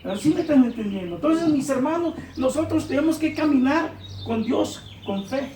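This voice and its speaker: A preacher giving a sermon, speaking straight to the congregation and acting out small dialogues, swinging between loud and quiet. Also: sits high, animated, normal speed. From Mexico. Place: church hall. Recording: echoey church hall recorded from far off, with background noise.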